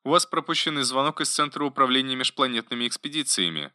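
Gentle caring female robot helper, voiced by a man, bright tone, dry close sound, polite and soft. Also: medium pitch, lively intonation, fast, clear, resonant tone, dry recording, pitched above the performer's own voice. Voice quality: pleasant, solicitous voice. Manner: softly attentive, politely informative. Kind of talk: audiobook narration.

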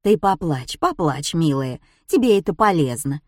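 A gentle old crone of fate speaks in a creaky, muffled, low voice, as a woman narrator puts her on. She drags her words slowly and soothingly. The storybook reading is dry and close. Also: big pitch swings, no room sound. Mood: tender. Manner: slow, soothing, drawn-out.

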